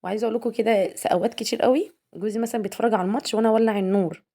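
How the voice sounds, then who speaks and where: A young homemaker vlogger with an Egyptian accent speaks rapid-fire in a fairly high, steady, warm voice. Chatting casually at home, she talks directly to her viewers as girls and asks what they think.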